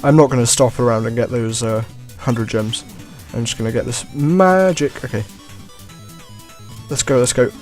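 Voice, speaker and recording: A man giving relaxed gameplay commentary as a let's play host, often chuckling and trailing off with shrugging asides. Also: medium pitch, moderate pace. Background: faint game music.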